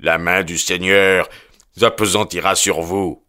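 A man's voice: low voice, fairly even intonation, moderate pace, pushed and bright, clean tone. A man reading an audiobook, voicing a self-satisfied young heir in a self-assured manner.

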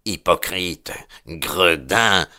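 A man reading an audiobook, voicing a stern old farmer and protective father in a low, slow, grim manner. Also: sharp tone, full character voice. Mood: angry.

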